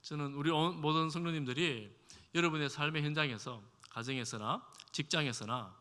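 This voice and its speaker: Long hall reverb fills this church sanctuary recording of a male pastor's conversational sermon. He speaks at a normal speed in a slightly high, bright, forceful voice, putting questions to the congregation and acting out what others said.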